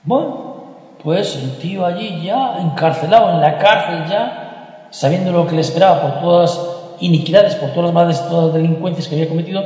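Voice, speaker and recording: A man from telling a joke with a moral, animated and emphatic, repeating phrases. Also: on the high side, a little fast. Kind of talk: storytelling with a moral lesson. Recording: echoey hall reverb.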